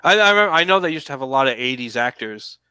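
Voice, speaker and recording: Bright-voiced man, rambling and halting. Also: mid-range voice, lively intonation, smooth, no room sound. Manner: rambling, halting, repeats and restarts phrases. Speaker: stream participant chatting about TV shows. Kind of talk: casual chat on a livestream.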